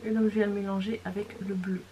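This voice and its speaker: A woman's voice: mid-range voice, level tone, fast talker, dark tone, a little hiss or hum, poor audio. A woman beauty vlogger talking through a makeup tutorial in a casual, chatty way, correcting herself as she goes and sometimes dropping to a near-whisper. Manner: chatty, self-correcting, describing each step.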